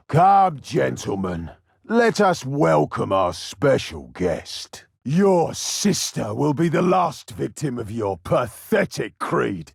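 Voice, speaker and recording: An actor playing a deranged, sadistic Victorian serial killer in a video game, with a gravelly, husky British voice and a theatrical, taunting delivery. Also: male voice, mid-range voice, no room sound, clean studio sound, full character voice. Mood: mocking threat. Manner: theatrical, taunting, drawn-out menace.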